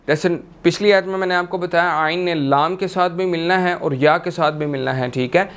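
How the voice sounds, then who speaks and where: A man teaching tajweed, chanting verses slowly and melodically and then explaining them briskly. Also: fairly high pitch. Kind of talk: tajweed lesson with chanted recitation.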